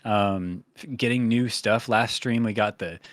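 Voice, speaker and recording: A man hosting a podcast in casual chat, rambling with lots of fillers and getting animated when he tells a story. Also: fairly low pitch, a little slow, no echo. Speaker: podcast host.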